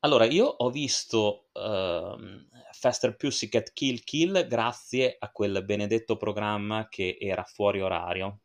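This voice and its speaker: A man with a fairly low voice hosts a film-review podcast, talking in a loose, chatty way. He drifts into asides and fills his pauses with hesitant sounds. He sounds like someone in his thirties chatting with regular listeners. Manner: chatty and digressive, with frequent fillers and asides. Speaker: podcast host reviewing films. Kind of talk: casual spoken film review.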